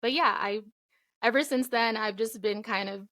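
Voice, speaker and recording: A woman's voice: a little high, normal speed, a bit bright, dry recording, studio quality. A young woman from the Philippines, raised in Florida, answering interview questions earnestly with frequent ums. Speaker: indie singer-songwriter guest.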